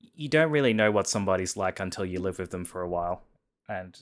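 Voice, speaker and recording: A man's voice: low voice, expressive, fast talker. A man hosting a casual live stream chat, often repeating and restarting his words as he talks. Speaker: stream host.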